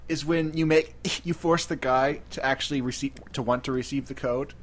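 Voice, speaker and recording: A man's voice: mid-range voice, fairly even intonation, normal speed. A man co-hosting a podcast in a casual chat, giggling and interjecting. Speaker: podcast co-host.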